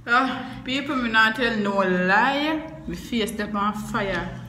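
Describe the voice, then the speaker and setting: A woman's voice: on the high side, expressive, takes it slowly, bright, forceful tone. A young adult woman with a Caribbean accent, bantering casually and exclaiming in complaint during a challenge vlog. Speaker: vlog host and challenge contestant. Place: small room by a window. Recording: echoey room with clear background noise.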